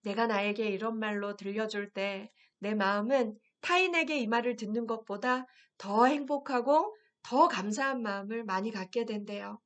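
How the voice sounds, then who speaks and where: Woman instructor with a slightly high voice, gentle and direct, leads a guided affirmation lesson. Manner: gentle, addresses viewers directly, reads phrases slowly. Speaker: health program instructor.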